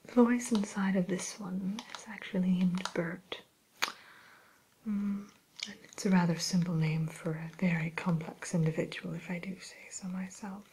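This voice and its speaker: A woman playing a haughty evil fairy-tale queen turned shopkeeper in a breathy ASMR whisper, speaking in a genteel, unhurried way. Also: lowish voice, steady tone, warm tone, a little hiss or hum, close to an everyday voice, low-quality recording. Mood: genteel, disdainful. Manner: genteel, aloof, unhurried, hesitant pauses.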